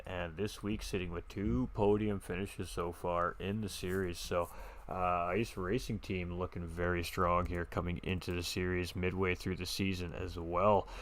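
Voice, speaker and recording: A man doing live-stream sim racing commentary, chatty and excitable, reading chat aloud from a home streaming setup. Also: low voice.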